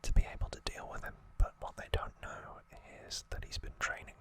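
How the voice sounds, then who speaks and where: Here the speaker is an ASMR host and creator, giving an unhurried and informal recap. It's all delivered in a soft, unvoiced whisper from start to finish.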